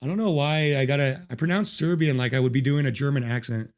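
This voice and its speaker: A man's voice: medium pitch, fast talker. A man chatting casually with his livestream chat while playing a game, joking and swearing a lot, speaking into a desk mic. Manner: profane, joking, greets chat. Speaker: livestream gamer. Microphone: desk mic with noise removal.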